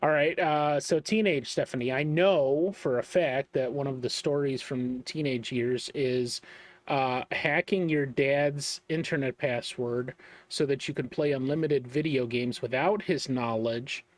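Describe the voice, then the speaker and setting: An interviewer in a casual conversation, relaxed and hesitant, using many fillers and restarts. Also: medium pitch, unhurried.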